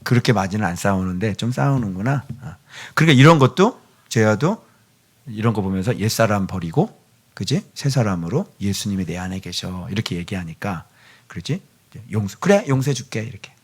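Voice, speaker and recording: A man's voice: on the low side, lively intonation, normal speed, breathy edge. A male pastor preaching a sermon in a church, chatting with the children by name and sometimes dropping to a near-whisper. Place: church sanctuary.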